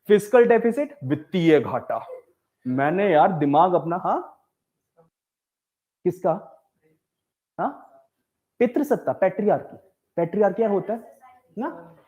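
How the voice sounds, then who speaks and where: A man's voice: a little high, mellow. A young man giving a classroom lecture, switching between Hindi and English and chatting and joking with his students. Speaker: teacher. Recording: dull lo-fi sound.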